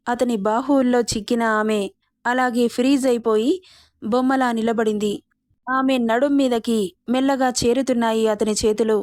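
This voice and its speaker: A woman storyteller reading a romance story aloud in a steady, expressive way. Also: a little high, no echo, studio quality. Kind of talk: scripted romance narration.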